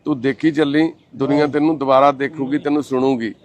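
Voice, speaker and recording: A man with a Punjabi accent speaking gently and reassuringly, with frequent religious invocations, then addressing viewers. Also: mid-range voice, fairly even intonation, a little fast. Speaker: social worker speaking to camera. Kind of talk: consoling talk and direct address to viewers.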